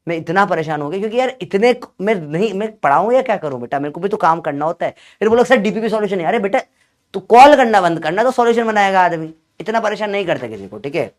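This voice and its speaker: A man's voice: sits high, sing-song, fast. A man teaching physics in a coaching lecture, joking and scolding his students and calling them "beta".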